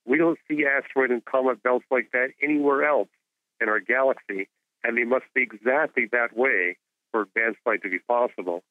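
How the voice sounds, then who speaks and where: A man speaking as a guest expert in an interview, explaining science in a measured, didactic way over a narrow phone-like connection. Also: medium pitch, no room sound. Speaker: guest expert, astronomer and author. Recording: phone-like narrow-band radio call.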